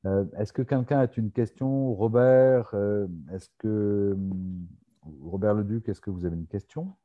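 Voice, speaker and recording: A man hosting a live online question session, joking with callers and pausing often with fillers. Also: fairly low pitch, fairly even intonation, phone-quality sound. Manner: teasing, hesitant with many fillers. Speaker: webinar host.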